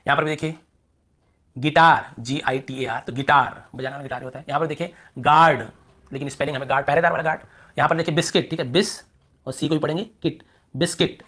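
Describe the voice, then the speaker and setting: Fast-talking man teaching English spelling. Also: fairly high pitch, a bit bright. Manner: rapid, repetitive, drawing out example words. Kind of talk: classroom lesson explaining spelling rules.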